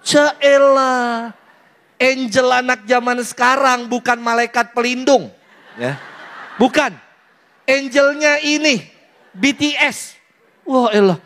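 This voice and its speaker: High-voiced joking priest. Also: male voice, slow, long pauses, fairly bright tone. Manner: playful, teasing, mimics youth in falsetto. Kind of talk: lively sermon to a parish audience.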